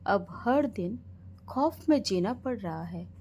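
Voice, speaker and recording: A woman's voice: medium pitch, animated, slow pace, mellow, a little hiss or hum. A woman voicing a frightened young wife who pleads through tears in a storybook tale. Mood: fearful. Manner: fearful, pleading.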